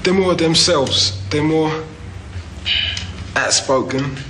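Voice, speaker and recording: A man with a Cockney accent speaking in an outspoken, quick way. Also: fairly high pitch, bright, forceful tone, slight background noise. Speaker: interviewee.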